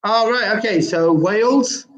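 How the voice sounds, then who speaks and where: A man hosting a casual online interview, halting and often repeating his phrases. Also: high voice, a loud crowd. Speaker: host. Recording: dull lo-fi online call.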